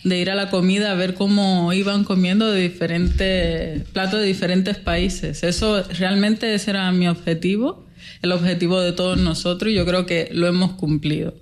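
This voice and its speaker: A woman's voice: lowish voice, little pitch movement, normal speed. A woman from the Republic, talking emphatically as a guest organizer and repeating words for stress. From Dominican Republic. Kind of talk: casual interview talk.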